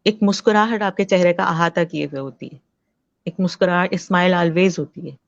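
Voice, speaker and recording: A woman's voice: lowish voice, gravelly, no echo. A woman hosting an interview, asking questions and praising her guest's answers. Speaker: interview host. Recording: dull lo-fi dry recording.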